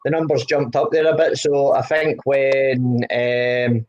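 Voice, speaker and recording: A man's voice: mid-range voice, little pitch movement, slow, darkish tone, highs cut off. A Scottish man hosting a live-streamed chat show over a video call, playful and full of restarts. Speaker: podcast host.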